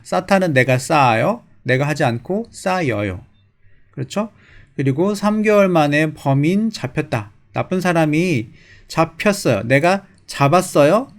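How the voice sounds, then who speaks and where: A man explains grammar to language learners, drilling verb pairs one by one. His voice sits a little high and moves up and down a lot, with an animated teacher's delivery.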